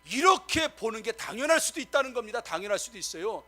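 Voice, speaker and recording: Emphatic high-voiced middle-aged male pastor. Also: big pitch swings, fast talker. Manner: emphatic, rising to loud exclamations, constantly addressing the congregation. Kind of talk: sermon.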